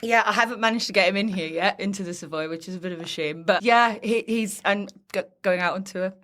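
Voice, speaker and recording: A woman's voice: mid-range voice, quick pace, fairly bright tone. A woman guest in a casual interview, a chatty storyteller who laughs often. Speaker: guest, theatre executive.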